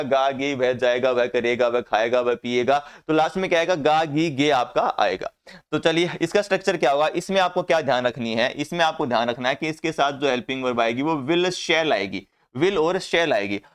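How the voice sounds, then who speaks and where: A man's voice: on the high side, clean tone. A man teaching an English grammar class, often asking the class questions and answering them himself.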